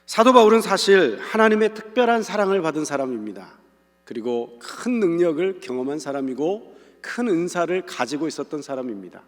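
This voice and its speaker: A man's voice: a little high, animated, fairly quick. Preaching man in an echoey church. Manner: earnest, conversational preaching with asides to the congregation. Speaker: pastor. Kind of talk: sermon. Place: church sanctuary.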